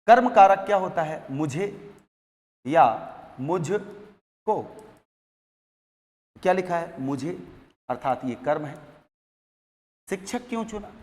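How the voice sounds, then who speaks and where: A man teaching a Hindi grammar class, asking questions and answering them himself. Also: sits high. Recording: long hall reverb.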